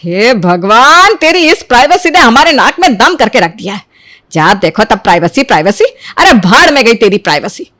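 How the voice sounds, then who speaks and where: A woman's voice: on the high side, very animated, moderate pace, a bit bright. A woman voicing a worried middle-aged mother who frets and scolds her daughter. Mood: scolding. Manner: fretful, scolding.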